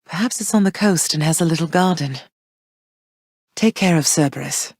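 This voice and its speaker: A woman's voice: low-pitched, moderate pace, a little mellow, no echo, studio quality. An actress voicing Persephone, a tender, proud goddess mother who speaks in formal, old-fashioned phrases. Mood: wistful. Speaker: game character voice. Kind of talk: game voice lines.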